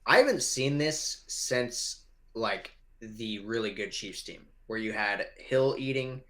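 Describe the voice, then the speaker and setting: A man's voice: medium pitch, animated, slow, pushed and bright. A young man co-hosting a casual fantasy football show, talking loosely and animatedly with some swearing. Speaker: podcast co-host. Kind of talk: casual sports chat.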